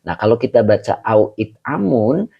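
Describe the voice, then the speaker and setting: A man's voice: fairly low pitch, big pitch swings, moderate pace, vocal fry, husky, highs cut off. A man teaching a live online Quran class, chatty, greeting viewers by name and chuckling often.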